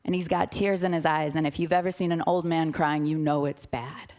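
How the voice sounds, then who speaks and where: A woman's voice: low voice, steady tone, fairly quick, darkish tone. A woman in her thirties telling a personal story on stage in a dramatic, vivid way.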